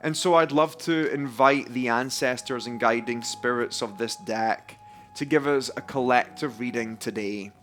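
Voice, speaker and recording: A man's voice: mid-range voice, moderate pace, a bit bright. A Scottish man, probably in his thirties, enthusiastically hosting a casual vlog walkthrough of a card deck. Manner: enthusiastic, upbeat. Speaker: YouTube host presenting oracle decks. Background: faint background music.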